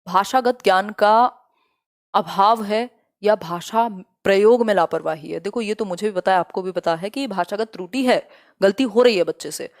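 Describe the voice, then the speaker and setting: Hindi-speaking woman teaching a live class. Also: mid-range voice. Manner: direct, scolding students, reads questions slowly. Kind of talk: live online exam-prep class.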